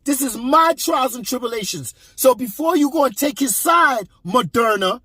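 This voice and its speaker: A man's voice: extremely high pitch, expressive, normal speed, sharp tone, slightly rough, no room sound. A man giving heated, preachy commentary on a clip, emphatic and repeating himself.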